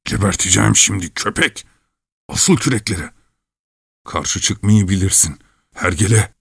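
A man voicing a rough, threatening vagabond who gives harsh orders. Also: low voice, animated, normal speed, a bit bright, no room sound, clean studio sound. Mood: furious. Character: rough menacing male vagabond, smuggler.

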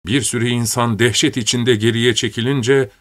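A man narrating an audiobook in a steady, measured reading voice. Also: medium pitch.

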